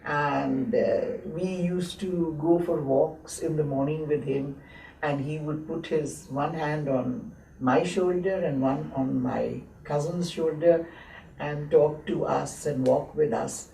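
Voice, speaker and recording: A woman in her seventies speaks very slowly, with frequent pauses and fillers, her voice low-toned and gravelly. She is recorded from a distance in a roomy space with faint hiss behind her. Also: mellow. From born in Lahore, grew up in Abbottabad. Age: 70s. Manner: many hesitant pauses and fillers. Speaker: interviewee, textile historian. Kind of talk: slow reflective reminiscing.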